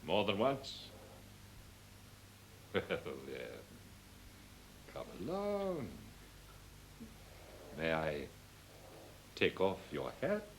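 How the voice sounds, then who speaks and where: A vain leading man, rehearsing his lines with stagey assurance. His mid-pitched voice swings widely up and down. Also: huge pitch swings, very slow, long pauses, a little hiss or hum, exaggerated voice. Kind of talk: 1970s televised stage drama.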